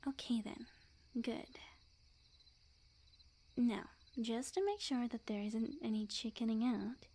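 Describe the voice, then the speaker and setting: Playing a lovestruck witch, sweet on top and possessive underneath, a woman performs a heavily acted, scripted ASMR roleplay addressed to the listener. Her high-leaning voice is soft, mellow, very breathy and often a whisper. She sounds sweetly coaxing, speaking slowly with coy, teasing overconfidence.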